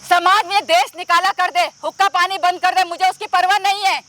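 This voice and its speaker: Woman cast as a brazen, taunting mother-in-law, very high bright voice, amateur outdoor skit. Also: flat delivery, fairly quick. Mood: insistent. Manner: pushy, taunting, insistent. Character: scheming middle-aged mother-in-law, brazen and domineering.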